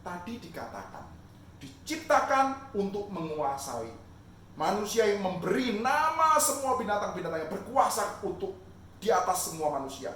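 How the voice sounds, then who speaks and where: A man, a pastor and father, telling a Bible story to children at home in a lively, acted-out way. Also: high voice, normal speed, slight background noise. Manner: lively, animated, acts out scenes. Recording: echoey room, mic far off.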